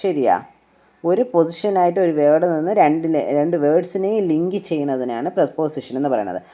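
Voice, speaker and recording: A woman's voice: low voice, mellow. A woman teaching English grammar, explaining step by step and often asking if the listener has understood. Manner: checks understanding with frequent rhetorical questions; slow, patient step-by-step explaining. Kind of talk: grammar lesson explained in Malayalam. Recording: dull lo-fi recording.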